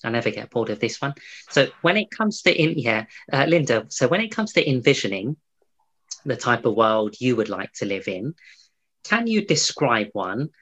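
A man's voice: mid-range voice, big pitch swings, moderate pace, fairly bright tone, rough recording. A man hosting an interview, asking long, winding questions with many restarts. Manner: rambling, full of fillers and restarts. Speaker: interview host. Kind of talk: hosted interview.

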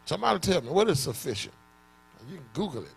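A man preaching a sermon, questioning his congregation in call-and-response and bursting into shouts. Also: fairly high pitch, sing-song, quick pace, gravelly, breathy edge.

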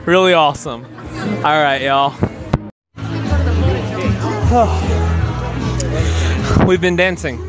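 A man's voice: on the high side, lively intonation, extremely slow, pauses often, over a noisy crowd. A man hosting a casual wedding podcast outdoors at a reception, teasing guests and using lots of filler words. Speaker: host of an amateur wedding podcast. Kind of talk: casual chat, interviewing guests. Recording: music playing behind the voice.

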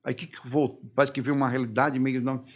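A man giving an emotional personal testimony as an interviewee. He talks haltingly, restarting and trailing off mid-phrase. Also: mid-range voice, flat delivery.

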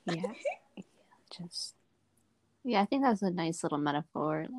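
A woman's voice: lowish voice, lively intonation, measured pace, very noisy. A young woman co-hosting a casual podcast chat, laughing often and trailing off mid-sentence. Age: young adult. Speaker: podcast co-host.

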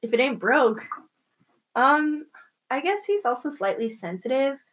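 A woman's voice: sits high, very animated, unhurried, a bit bright. A young woman chatting casually as a co-host, giggling often and filling her talk with "like". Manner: giggly, chatty, many fillers. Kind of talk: casual chat.

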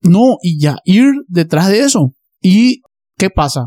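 A man's voice: sits high, expressive, takes it slowly, warm tone, dry recording, studio quality. A man, explaining a topic in a casual discussion and often checking that listeners follow. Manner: explanatory, checks in with "¿verdad?" and "¿entendés?".

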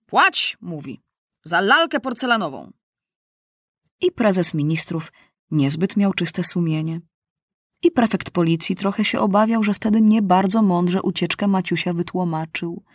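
A woman narrating a children's storybook with a lively, expressive reading. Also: lowish voice, moderate pace, no echo, clean studio sound.

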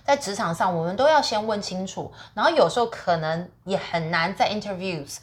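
A woman's voice: mid-range voice, animated, brisk. A woman with a Taiwanese accent chatting casually and expressively as a podcast co-host, slipping English phrases into her Mandarin. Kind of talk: casual chat.

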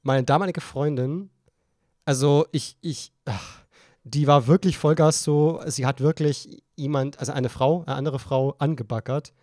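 Ein junger Mann, der als Co-Host eines Podcasts angetrunken und sprunghaft erzählt, mit vielen Neuanfängen. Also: male voice, on the high side, a little slow, warm tone, no room sound, clean studio sound. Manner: rambling, tipsy storytelling with frequent restarts. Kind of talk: casual chat.

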